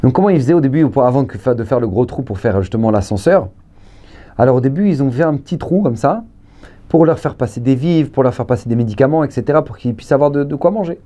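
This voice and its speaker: A man, a rabbi, giving a Torah lesson as a storyteller who swings between low asides and high exclamations and repeats key phrases to his listeners. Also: animated, fast, warm tone. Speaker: rabbi teaching a Torah class.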